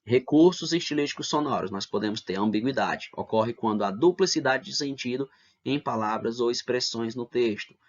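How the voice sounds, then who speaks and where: A medium-pitched man teaches an online lesson for middle schoolers, breaking things down step by step. He leans on rhetorical questions and keeps checking in with "né?" and "tá bom?". It's a dull, lo-fi lesson recording.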